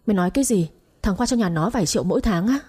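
An older mother-in-law, voiced by a woman narrator scolds in a wailing, lamenting way. The voice is dark-toned and husky, in an audio storybook. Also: mid-range voice, expressive, rapid-fire.

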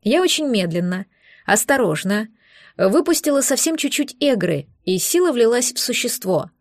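A woman narrating a first-person fantasy novel in a gentle, expressive storytelling manner, close to the microphone. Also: a little high, moderate pace, no echo. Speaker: audiobook narrator.

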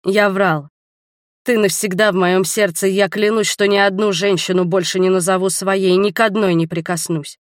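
A woman's voice: mid-range voice, steady tone, moderate pace, dry recording, studio quality, natural voice. A woman reading as a grave young swordsman. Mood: tender.

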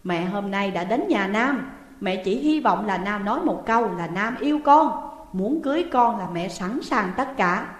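A woman's voice: medium pitch, animated, moderate pace, natural voice. A woman reading an audiobook, voicing a firm, protective middle-aged mother who admonishes her daughter. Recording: echoey room with long reverb.

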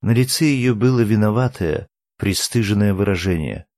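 A man narrating a novel as an audiobook in an even, measured reading. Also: lowish voice, no echo, studio quality. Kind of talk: scripted narration.

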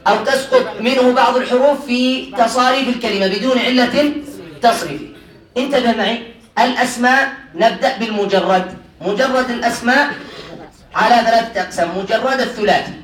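A man's voice: very high voice, a bit bright. A man teaching a classroom grammar lesson, quizzing his students and repeating their answers with frequent laughter. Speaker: religious teacher. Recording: roomy sound from a distant mic.

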